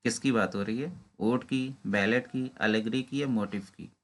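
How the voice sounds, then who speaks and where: A man with an Indian accent teaching an exam prep lesson, reading English questions out slowly and explaining them in Hindi. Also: mid-range voice, a bit bright.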